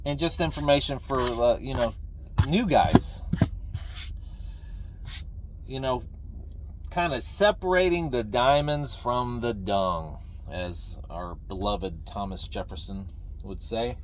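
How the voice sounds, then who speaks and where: A middle-aged man talking casually and ramblingly to viewers, folksy and opinionated, halting and repeating phrases for emphasis. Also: mid-range voice, a little hiss or hum. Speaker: video creator, veteran pipe smoker. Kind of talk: casual rambling talk to camera.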